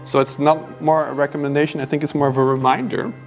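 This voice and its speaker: A man recommends an album with easygoing enthusiasm. His voice is a touch higher than most men's, and a little music drifts faintly behind him in the record store. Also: little pitch movement, quick pace. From Belgium. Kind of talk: casual chat about favorite records.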